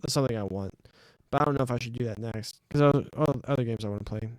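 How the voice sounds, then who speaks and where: A man streaming a game, chatting excitably and answering his chat with casual fillers. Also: mid-range voice, very fast, clean tone, dry recording, low-quality recording. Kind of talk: casual let's-play commentary.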